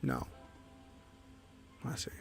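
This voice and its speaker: A man voicing a calm, melancholy game machine that narrates with solemn, subdued resignation. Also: extremely slow, whispered, soft background music. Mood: resigned, solemn.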